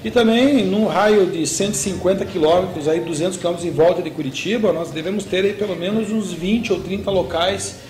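Middle-aged Brazilian man, high voice, echoey room. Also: a little fast, hardly any pauses, soft background music. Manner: steady explaining with frequent "né" tag questions. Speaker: paragliding school owner. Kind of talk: interview answers. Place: indoor shop room with shelves.

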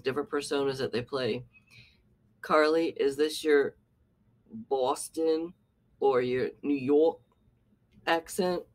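A man hosting a reaction commentary, talking in a sarcastic, scolding way. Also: a little high. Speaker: commentary channel host.

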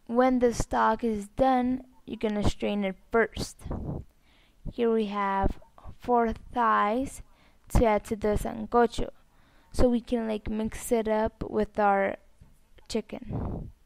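A woman presents a recipe in plain, step-by-step instructions. Her voice sits slightly high with a creaky edge, and she goes slowly. The sound is dry and close. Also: fairly even intonation, dry recording, poor audio. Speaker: host of a cooking channel. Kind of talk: recipe narration.

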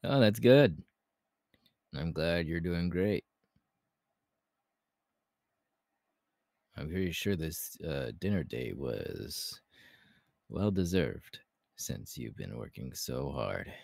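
Very deep, gravelly Hawks, romantic ASMR man acting. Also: animated, a little mellow, no room sound, studio quality, exaggerated voice. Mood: tired, affectionate. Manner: intimate, halting, breathy laughs and sighs. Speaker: voice actor, ASMR artist. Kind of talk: romantic ASMR audio roleplay.

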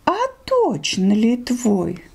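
A woman's voice: mid-range voice, sing-song, very slow, creaky, darkish tone, breathy edge, full character voice. A woman voicing a sly, chummy female fox in a storybook tale, gossipy and sing-song. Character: sly, sympathetic female fox, chatty and friendly. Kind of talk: storybook character voice in an audio fairy tale.

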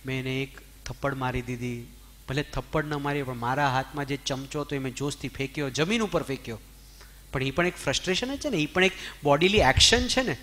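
A man giving a spiritual discourse, animated and questioning his listeners, mixing in English words. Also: a little high. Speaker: spiritual teacher. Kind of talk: Jain discourse to an audience.

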